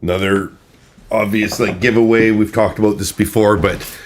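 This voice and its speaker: A man's voice: fairly low pitch, fairly even intonation, moderate pace. A man hosting a true crime livestream, rambling in a wry, sarcastic way while drinking a little. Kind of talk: casual live ramble commentary.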